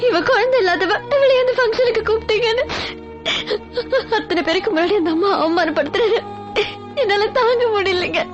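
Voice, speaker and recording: A woman's voice: very high voice, steady tone, fast. An actress playing a tearful, fearful young wife who pleads with her husband. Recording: dull film soundtrack with music.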